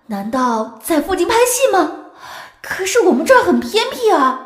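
An excitable young woman gossips online at a moderate pace, her very high pitch swooping with gushing excitement. She is emphatic, opinionated and exclamatory, set in a roomy audio-drama soundscape with music.

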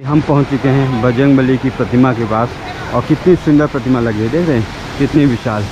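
A man's voice: medium pitch, muffled recording. A man narrating a walking tour vlog at an outdoor temple site, chatty and admiring, talking straight to his viewers. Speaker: travel vlogger. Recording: loud waterfall noise outdoors. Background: loud rushing water.

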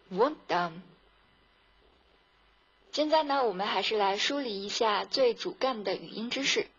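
A woman teacher narrating a scripted pronunciation lesson, drilling sounds slowly and carefully. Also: medium pitch, husky, lo-fi sound. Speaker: language teacher.

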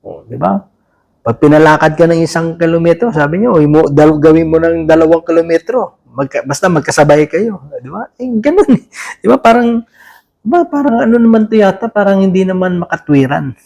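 A man's voice: sits high, lively intonation, fairly quick, creaky, a little mellow. Man preaching in a chatty way. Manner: conversational, often adding "di ba?" to draw in listeners; many restarts and fillers, chatty and informal. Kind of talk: sermon.

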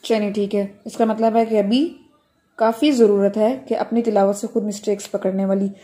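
A woman tajweed teacher running an online Quran recitation class, correcting students and modelling the recitation slowly. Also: mid-range voice, steady tone, warm tone.

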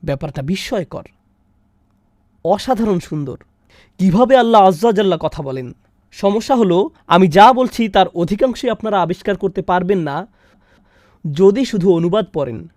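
High-voiced man dubbing a Quran lecture. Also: normal speed, long pauses, no room sound, studio quality. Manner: expressive, acts out frightened cries and recites Arabic verses. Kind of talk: dubbed Quran commentary lecture.

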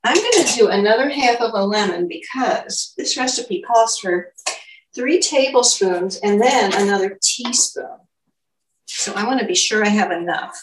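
An older woman explains each step aloud as she cooks in a casual demo in her home kitchen, her mid-range voice animated but a little slow. Background noise is present, and the distant camera mic makes the room sound echoey.

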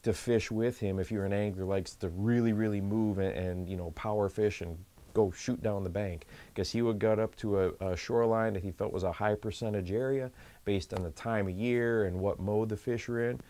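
A man's voice: on the low side, fairly even intonation, normal speed, mellow. A man in his forties hosting a fishing channel, giving earnest, emphatic tips to camera from a small indoor studio and repeating words for stress. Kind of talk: instructional to-camera talk.

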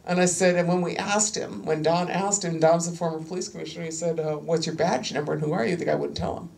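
On the low side and a little mellow, her creaky voice holds a steady tone at a quick pace, with a faint hiss or hum in the recording. The middle-aged woman rambles through panel stories with lots of "you know," growing higher and sharper as she recounts confronting others.

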